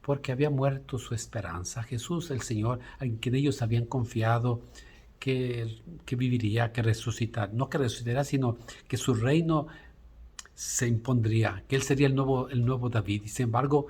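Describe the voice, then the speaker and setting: A male priest giving a reflective daily homily, speaking in short phrases with pauses and restarts. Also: mid-range voice, steady tone, a little mellow, breathy edge.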